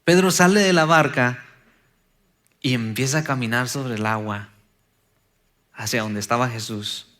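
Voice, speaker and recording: A man's voice: mid-range voice, a little slow, pauses often, a bit bright. A man preaching a sermon as pastor, building to emphatic bursts and acting out quoted prayers.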